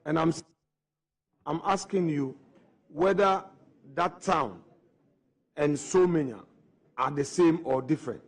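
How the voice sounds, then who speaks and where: A higher-voiced man leads formal questioning at a parliamentary hearing. He drags out key phrases slowly and deliberately. He keeps returning to the same point, pushing for a clear answer. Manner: slow, deliberate, pressing questions. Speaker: committee member questioning the nominee.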